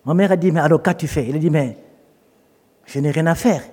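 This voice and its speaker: A man delivers a sermon in a high, lifted voice. He tells stories with animation and slips into the voices of the people he quotes. His words ring out with the long reverb of a large hall. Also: fairly quick, a little mellow. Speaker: preacher.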